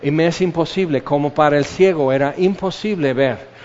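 A man's voice: fairly high pitch, normal speed, a little mellow, big-room sound. A man preaching a sermon in a conversational way, acting out the quotes he uses. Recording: dull lo-fi sound.

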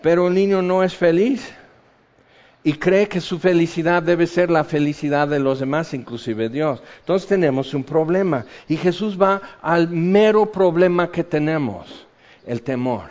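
American-accented man preaching with lively acted asides. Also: a little high, unhurried, highs cut off. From United States. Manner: animated, acts out imagined voices and questions. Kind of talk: sermon.

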